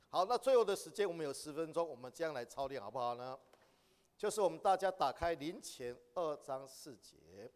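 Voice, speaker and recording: A man teaching a church class, asking his listeners questions and rising to emphatic exhortation. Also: a little high. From Taiwan. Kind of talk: church training lesson. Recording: long reverb of a hall.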